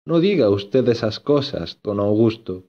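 A man's voice: lowish voice, lively intonation, a little slow, dull audio. A man voicing a shy, tearful young maid in a storybook reading, speaking in a hesitant, pleading way.

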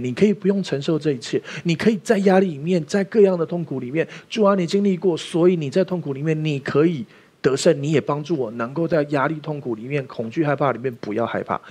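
A man's voice: medium pitch, darkish tone, breathy edge. A man preaching a sermon as pastor, emphatic and often asking the listeners questions.

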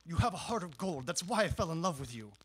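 A woman's voice: on the low side, animated, quick pace, a little hiss or hum, natural voice. A woman playing a pleading, sappy, lovestruck Santa in a comic radio melodrama. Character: pleading, sappy Santa Claus, adult male lover. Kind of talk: student radio comedy melodrama.

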